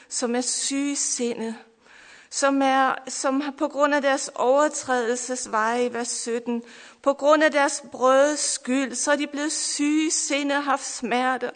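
Fervent high-voiced woman preaching in reverb. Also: fairly even intonation. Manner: fervent, repeated hallelujahs, voice breaking into tears at times. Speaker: preacher giving testimony. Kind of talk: emotional Pentecostal sermon. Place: church or camp meeting hall. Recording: long hall reverb.

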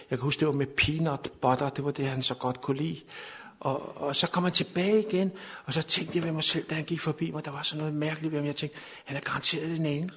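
A man's voice: on the high side, fairly bright tone, husky. A man preaching a sermon at a camp meeting, telling a personal story unscripted, with many repeated words, and building to fervent preaching.

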